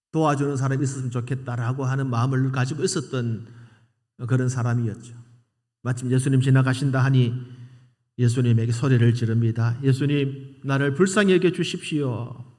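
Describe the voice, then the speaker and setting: A male pastor delivers a sermon in a dramatic storytelling manner at a middle pitch. His voice rings with a long reverb through a church sanctuary. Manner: dramatic storytelling with loud quoted cries.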